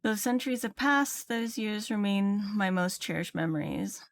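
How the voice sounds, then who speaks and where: Video game music plays in the background as a woman streamer chats casually, reads text aloud, and occasionally mutters to herself while playing. Her mid-range voice is creaky, with lively intonation and a moderate pace.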